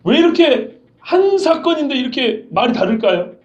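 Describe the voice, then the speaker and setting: High, animated male preacher in a roomy hall. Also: normal speed. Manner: animated, acts out scenes, quizzes the congregation. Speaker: pastor. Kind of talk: expository sermon. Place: church sanctuary. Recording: roomy dull church recording.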